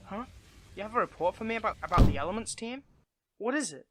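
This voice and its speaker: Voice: mid-range voice, expressive, fast, over loud music, natural voice. A performer acting a dorky, affectionate villain in a one-sided audio role-play, stammering and sheepish, eager to impress a partner. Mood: anxious, tender.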